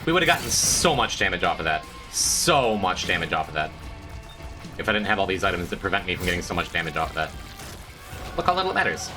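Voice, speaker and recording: A man streams a video game and rambles casually to his chat, his voice stuffy and congested. He mocks himself and now and then breaks into high, squeaky jokes.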